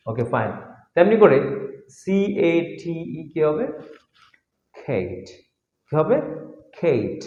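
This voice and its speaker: A man's voice: fairly high pitch, a little mellow. A man teaching a phonics lesson, patiently spelling out letters and repeating example words. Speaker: English teacher. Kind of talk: classroom-style phonics lesson. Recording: echoey room with long reverb, dull sound.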